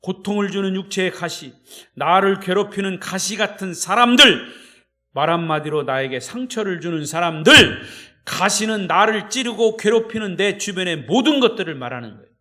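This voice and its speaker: A man's voice: sits high, lively intonation, moderate pace. Emphatic male pastor preaching. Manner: emphatic, swings between loud declarations and hushed storytelling. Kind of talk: sermon. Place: church.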